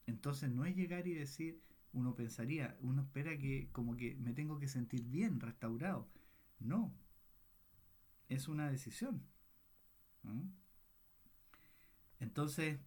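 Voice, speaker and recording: A man's voice: mid-range voice, a little mellow. A man leading a Bible study, asking the group questions and checking in with them often as he works through the passage. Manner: unhurried, thoughtful delivery with restarts.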